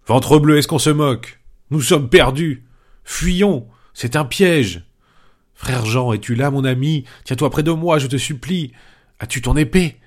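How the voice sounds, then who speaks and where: A man's voice: medium pitch, a little slow, voice pushed up, lightly acted. A man voicing a panicking, cowardly male companion at sea, frantic and pleading in a dramatic reading. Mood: panicked.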